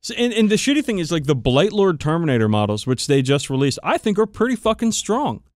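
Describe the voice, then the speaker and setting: A podcast co-host chats casually about his hobby, tabletop wargaming, being opinionated, emphatic and swearing a lot. His voice sits on the high side with a darkish tone, and he speaks a little fast in a sing-song way. The clean studio recording has no room sound.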